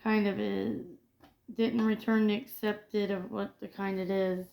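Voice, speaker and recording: A woman's voice: medium pitch, little pitch movement, measured pace, creaky, a little mellow, a little hiss or hum, rough recording. A woman co-hosting a casual pop culture chat, reading film trivia aloud and often stumbling over and correcting her words. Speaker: co-host.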